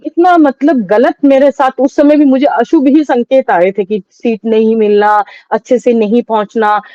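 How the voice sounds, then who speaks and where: A middle-aged woman recounting a painful loss as an interview guest, in a halting, sorrowful way with many restarts. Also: a little high, steady tone, dark tone, dry recording, dull audio. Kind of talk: emotional personal testimony.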